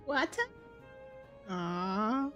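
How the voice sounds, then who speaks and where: A woman's voice: medium pitch, lively intonation, drawn-out words, fairly bright tone, muffled recording, soft background music. A woman streaming a game live, chatting playfully to herself and humming along. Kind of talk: live gameplay chat.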